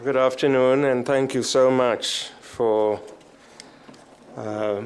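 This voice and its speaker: An older man, a professor, giving a formal academic talk in measured short phrases with pauses. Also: medium pitch, steady tone. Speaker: professor, conference speaker.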